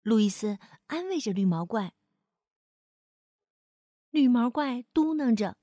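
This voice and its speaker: A woman narrates a children's storybook with a high, sing-song voice that swoops up and down. She takes her time and draws out her sentence-final particles. The recording is close and dry. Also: expressive, slow pace, dark tone, no echo.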